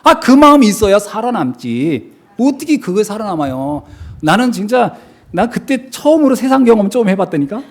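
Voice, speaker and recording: A middle-aged man preaches a sermon in a church sanctuary. His voice sits high and swings widely in pitch. He tells stories animatedly, laughs often and drives points home by repeating them. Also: normal speed. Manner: animated, storytelling with laughter and emphatic repetition. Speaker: pastor.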